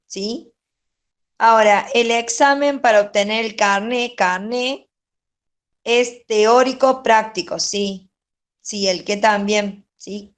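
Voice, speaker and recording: Patient teacher, unhurried, mid-pitched woman going over exercises. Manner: patient, checks in with "¿sí?". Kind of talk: grammar lesson, going over answers. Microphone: online class.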